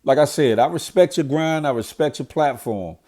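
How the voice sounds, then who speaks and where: This middle-aged man vlogs about current events in a fairly high, darkish voice at normal speed, sounding nasal and blocked up from a cold. He's blunt and preachy, and once he's fired up he repeats himself.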